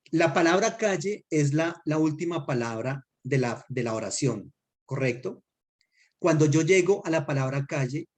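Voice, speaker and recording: Patient pastor teaching a class. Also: male voice, on the high side, a little mellow. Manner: patient, explains slowly with spoken examples and checks understanding. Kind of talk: teaching a class on Hebrew accents.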